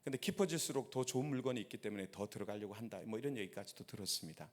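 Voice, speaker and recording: A man's voice: fairly low pitch, rapid-fire. A man, a pastor, preaching a sermon and telling a story while asking the congregation rhetorical questions. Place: church sanctuary.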